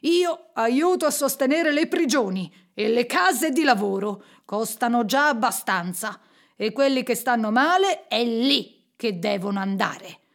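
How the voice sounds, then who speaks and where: A woman's voice: fairly high pitch, lively intonation, measured pace, gravelly. A woman voicing a miserly, grumpy old man who scorns everyone. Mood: scornful. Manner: sharp, scornful.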